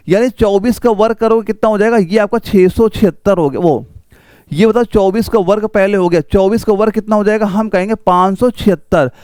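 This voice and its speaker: A man's voice: high-pitched, a little mellow, clean tone, no room sound. A man teaching an exam-prep math lesson, walking students through each step with repeated rhetorical questions.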